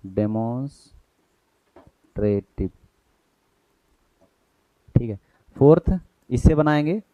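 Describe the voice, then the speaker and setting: Man, Indian accent, grammar teacher, asks and answers himself, mellow dark tone, dry slightly dull sound. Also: on the high side, dry recording. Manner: explains in Hindi with English terms, asks and answers own questions. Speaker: English teacher. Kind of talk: exam-prep grammar lesson.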